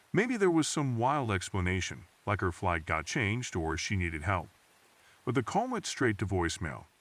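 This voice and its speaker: A man's voice: fairly low pitch, fairly bright tone, no room sound. Man narrating a tense horror story. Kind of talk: scripted first-person horror narration.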